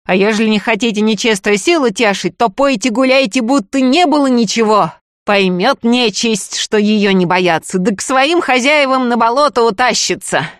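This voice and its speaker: Woman doing a hoarse old wise woman. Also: lowish voice, animated, slow pace, no echo, studio quality. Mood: commanding. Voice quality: hoarse, strange voice.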